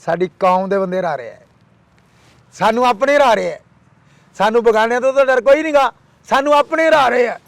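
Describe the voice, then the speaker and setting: In a dry recording, a man's extremely high, gravelly voice fills a heated interview. He fires rhetorical questions and fiercely repeats his demands in quick succession, listing them rapidly.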